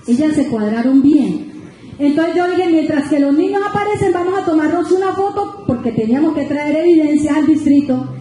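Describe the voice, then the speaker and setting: A very high-voiced woman with a Colombian Spanish accent preaches as a guest speaker, her tone soft and mellow. She tells her story in an animated way, calling the listeners brothers and sisters. The sound rings through a large, very echoey church hall. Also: moderate pace, faint music behind. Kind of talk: sermon testimony.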